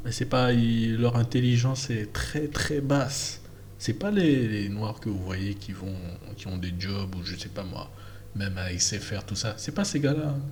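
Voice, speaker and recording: Man from french guiana, low voice, emphatic casual monologue, faint background noise. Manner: animated, emphatic, with many fillers and restarts. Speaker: vlogger.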